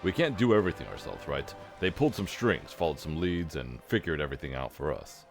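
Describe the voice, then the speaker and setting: A sardonic half-orc warrior, as a man puts him on, growls his lines in a very deep, gravelly voice. His drawl rises and falls with mocking swings, and soft music plays under him. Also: big pitch swings, brisk, heavily acted.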